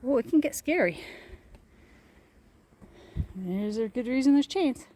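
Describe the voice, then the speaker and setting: A woman talking to her viewers in a casual, excitable way as she hikes a steep icy mountain trail alone. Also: fairly high pitch, unhurried. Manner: chatty, excitable, talks to viewers while climbing. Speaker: solo hiking vlogger. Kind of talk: casual hiking vlog narration.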